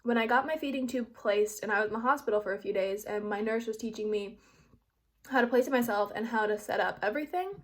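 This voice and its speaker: A woman's voice: on the high side, quick pace. A young woman chatting casually to camera in an upbeat way, filling her talk with "like" and "um". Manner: chatty, upbeat, many "like" and "um" fillers. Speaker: vlogger. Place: at home and later outdoors and in a car.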